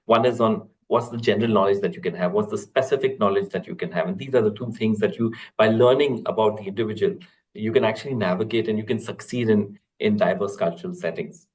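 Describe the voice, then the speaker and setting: A man, a corporate trainer explaining a lesson in a webinar, steady and explanatory with frequent fillers and restarts. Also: lowish voice, fast talker, low-quality recording.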